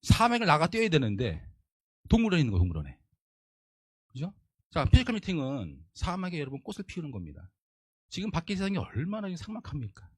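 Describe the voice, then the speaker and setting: Emphatic, lively-pitched male lecturer. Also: fast talker, pauses often, slightly rough, dry recording, studio quality. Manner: emphatic, repetitive, rhetorical questions. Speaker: leadership lecturer. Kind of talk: motivational lecture.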